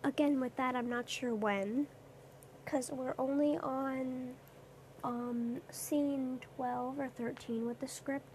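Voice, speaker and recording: A woman's voice: high-pitched, steady tone, slow pace, darkish tone, a little hiss or hum. A young woman streamer rambling hesitantly in a casual late-night chat, with lots of fillers.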